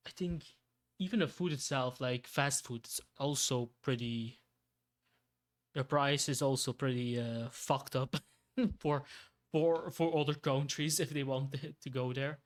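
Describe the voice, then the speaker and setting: Man, from Belgium, streamer, casual rambling chat, unhurried. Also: mid-range voice. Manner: rambling, laughs often, repeats himself.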